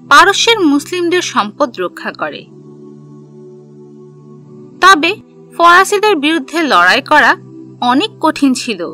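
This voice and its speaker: In a high-pitched, bright and forceful voice, a woman narrates a scripted history story for children using simple, deliberate phrases.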